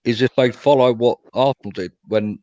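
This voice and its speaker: A man's voice: mid-range voice, moderate pace, warm tone, dry recording, dull audio. A young man hosting a casual fan chat after a match, reading out viewer comments and answering them. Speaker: fan show host.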